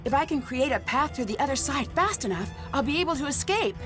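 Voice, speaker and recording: High-voiced plucky girl detective. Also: expressive, fast. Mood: anxious, focused. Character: plucky young female detective in danger. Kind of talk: video game voice acting. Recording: loud game music behind. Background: loud game music.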